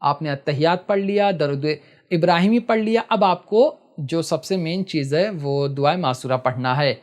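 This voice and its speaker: A man teaching prayer step by step, patiently and repeatedly telling listeners to listen carefully. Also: fairly high pitch. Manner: switches to slow chanted recitation for prayer texts. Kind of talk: step-by-step spoken instruction.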